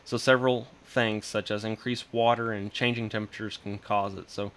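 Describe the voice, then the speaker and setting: Young man, extension guest; earnest read with stumbles, bright voice. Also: on the low side, flat delivery, moderate pace. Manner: earnest, stumbles over words, starts sentences with "so". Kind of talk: reading an informational segment.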